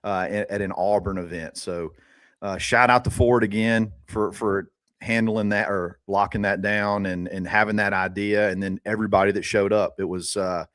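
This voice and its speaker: A man's voice: on the low side, moderate pace, dry recording. A man co-hosting a sports podcast, telling stories in casual chat and laughing often. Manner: laughs often, animated storytelling.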